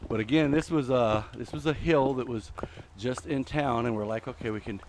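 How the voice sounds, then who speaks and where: A middle-aged man hosts a live gameplay stream while walking on a treadmill, so he sounds out of breath. He rambles in a chatty way and talks back to the creatures in the game. His voice sits at an ordinary middle pitch for a man. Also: moderate pace, a little mellow, slight background noise. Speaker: host.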